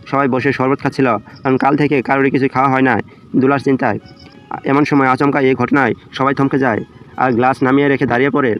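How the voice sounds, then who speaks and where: Male storyteller for romantic drama, even intonation, music underneath, slightly dull lo-fi recording. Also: medium pitch, fast talker. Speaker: audio story narrator. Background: background music.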